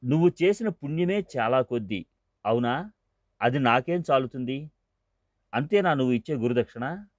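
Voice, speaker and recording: A man doing a calm, gently scolding older sage. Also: medium pitch, no room sound, close to an everyday voice. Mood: teasing. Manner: measured, mildly scolding, questioning. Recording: dull lo-fi dry recording.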